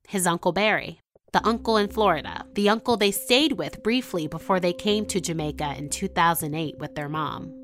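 A woman narrating a documentary story in a measured, scripted storytelling manner. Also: on the low side, a bit bright.

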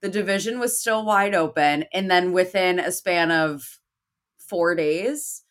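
Female guest, under the weather and nasal, slow, lowish, glum. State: sick, nasal voice. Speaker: podcast guest. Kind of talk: casual chat.

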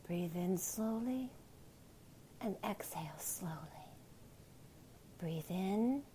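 A woman whispering soothing guided relaxation and gentle affirmations in an unhurried ASMR style. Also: mid-range voice, animated, a little hiss or hum, rough recording.

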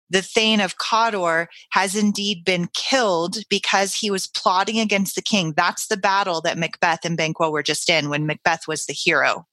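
Woman cohost geeking out on a play, lowish but bright voice, dry mic. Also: dry recording. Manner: excited, eager explaining. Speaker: podcast co-host. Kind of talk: casual literary discussion.

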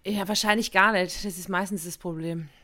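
A woman's voice: on the low side, steady tone, over a noisy crowd. A woman with a German accent co-hosting a podcast, reacting and joking in casual chat. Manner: bright reacting listener, quick jokey comments. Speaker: podcast co-host.

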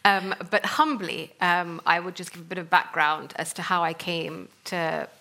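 Brief: woman from Sudan, author guest, lower pitch, gravelly edge, reflective delivery. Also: steady tone, normal speed, bright, forceful tone. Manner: thoughtful, frequent um fillers. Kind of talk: conversational talk.

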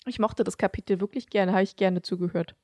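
A woman's voice: medium pitch, steady tone, brisk, mellow, no room sound. A woman co-hosting a casual podcast, easygoing and modest, giggling often. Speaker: podcast co-host.

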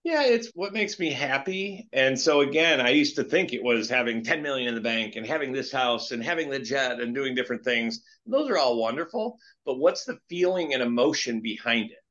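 A man's voice: mid-range voice, expressive, normal speed, hardly any pauses, a bit bright, highs cut off. A man in his late fifties, a guest entrepreneur, talking in a casual interview in an earnest, rambling way and telling stories with animation. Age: 50s.

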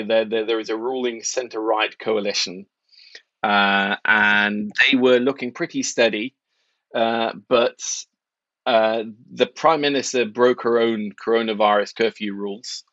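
A man's voice: mid-range voice, a bit bright, dry recording, dull audio. Articulate man from Norway, dry sound. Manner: articulate, wry, measured. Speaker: markets journalist guest. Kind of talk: conversational interview.

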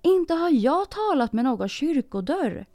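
A woman's voice: high voice, big pitch swings, no echo, soft background music, voice pushed up. A woman voicing a proud, harsh false bride in a storybook reading, speaking sharply. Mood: defensive. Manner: sharp, scolding.

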